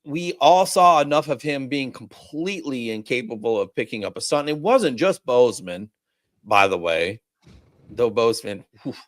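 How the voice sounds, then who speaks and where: A man hosting a sports podcast, talking in an animated, rambling way and swearing freely. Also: medium pitch, moderate pace, no room sound, clean studio sound. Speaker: podcast host. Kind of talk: casual sports chat.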